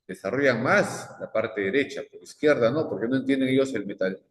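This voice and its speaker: A man gives a psychology lecture, firing repeated questions at the class. His mid-pitched voice rings through a large room, and a long reverb trails each phrase. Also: brisk. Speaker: psychology teacher.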